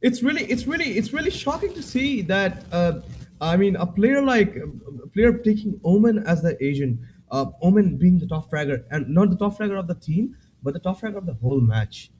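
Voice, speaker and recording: A man's voice: sits high, sing-song, moderate pace, a little mellow, slight background noise, low-quality recording. A man, casting an esports match, talking hesitantly with many fillers and restarts. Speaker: esports caster. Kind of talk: esports post-match analysis.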